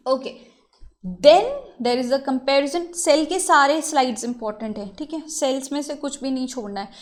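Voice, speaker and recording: A woman, giving a brisk, chatty exam revision lesson and switching between Hindi and English. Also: sits high. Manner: brisk, chatty, mixes Hindi and English, fillers like theek hai. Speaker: exam prep teacher.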